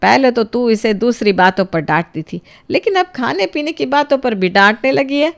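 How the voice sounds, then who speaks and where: A woman's voice: a little high, expressive, normal speed, creaky. A woman voicing a scolding old grandmother who spoils her granddaughter, in a cartoon storybook. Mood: chiding. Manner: indulgent, chiding.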